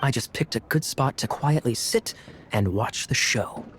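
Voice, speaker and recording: An actor playing a sly, suave young knight in a video game, teasing and theatrical. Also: male voice, medium pitch, unhurried, very noisy, close to an everyday voice. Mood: amused.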